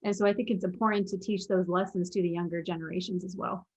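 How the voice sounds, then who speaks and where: In a low-quality recording, a young adult woman with a fairly low, husky pitch talks fast in a steady tone. An interview guest and former pro basketball player who now coaches mental performance, she earnestly narrates her story and quotes her earlier thinking.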